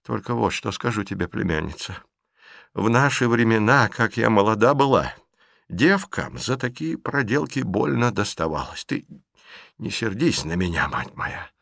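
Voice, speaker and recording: A man voicing a sharp-tongued, blunt elderly aunt who scolds her niece in an audiobook reading. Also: on the low side, big pitch swings, moderate pace, creaky, dry recording, clean studio sound, full character voice. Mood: grumbling.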